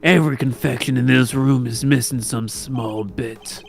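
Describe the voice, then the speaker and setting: A man voicing a deadpan, sarcastic investigator. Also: medium pitch, normal speed, creaky, soft background music, lightly acted. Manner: deadpan, mocking, teasing. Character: dry, sarcastic young male lead investigator. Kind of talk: improvised comedic fan dub.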